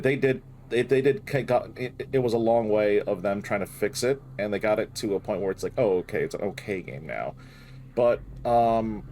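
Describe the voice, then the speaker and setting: A man hosting a gaming reaction video, excitable and swearing often as he talks over the clip. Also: lowish voice, a little hiss or hum.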